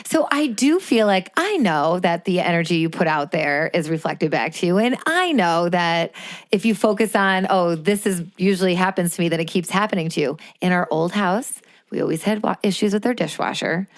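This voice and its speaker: A woman's voice: fairly low pitch, lively intonation, normal speed, no room sound, studio quality. A woman co-hosting a podcast in easygoing casual chat, laughing along. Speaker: podcast co-host.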